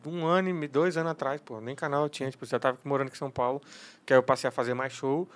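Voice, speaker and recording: A male comedian from Brazil chatting on a podcast, telling stories in a relaxed, slangy way. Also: mid-range voice, very fast. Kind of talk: casual podcast chat.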